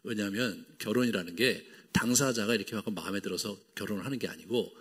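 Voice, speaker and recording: A man's voice: fairly low pitch, fast, breathy edge, big-room sound. A male pastor preaching a sermon. He talks animatedly, acts out the dialogue in playful voices and uses lots of fillers. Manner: lots of fillers, wide swings in loudness. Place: church sanctuary.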